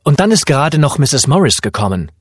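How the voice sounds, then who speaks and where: A man's voice: a little high, big pitch swings, fairly quick, husky, no room sound, clean studio sound, voice pushed up. A man voicing a friendly adult woman who works as a doctor's receptionist, in a raised, kindly, conspiratorial voice, in an audiobook. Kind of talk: audiobook character voice.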